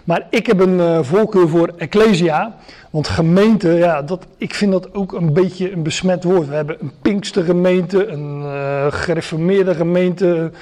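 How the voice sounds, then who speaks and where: High-voiced man giving a hesitant sermon. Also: unhurried, dark tone. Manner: explanatory, many hesitations and restarts. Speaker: preacher.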